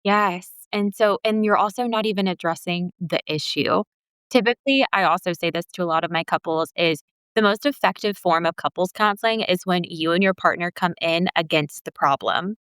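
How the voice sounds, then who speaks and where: A woman in her twenties, a podcast co-host and couples counselor, talking in a casual, animated way with lots of "like.". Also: fairly low pitch, normal speed, clear, resonant tone, no echo. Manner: animated, fills speech with "like".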